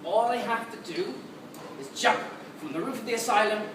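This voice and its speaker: A man's voice: high voice, expressive, normal speed. A man playing a mad, theatrical supervillain clown in a dramatic, mocking stage monologue. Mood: sly storytelling. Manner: theatrical, mocking, dragging out words for emphasis. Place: large cinema auditorium. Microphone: distant recorder in the room. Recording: echoey, noisy hall recorded from far off.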